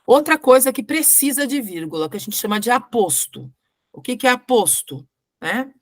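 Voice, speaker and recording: A woman's voice: a little high, lively intonation, normal speed, no echo, studio quality. A Brazilian woman teaching a grammar lesson who goes step by step, reads example sentences aloud and often checks whether her students are following. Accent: Brazilian Portuguese. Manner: patient, explains step by step and checks understanding.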